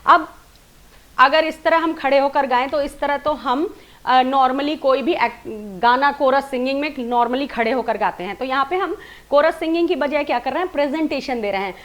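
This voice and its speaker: A woman with a high voice teaches presentation skills. She explains each point step by step and stops to demonstrate sample lines, leaning hard on the key words. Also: fairly bright tone. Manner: demonstrates lines with stressed words and slow, measured delivery. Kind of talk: spoken lesson on presenting.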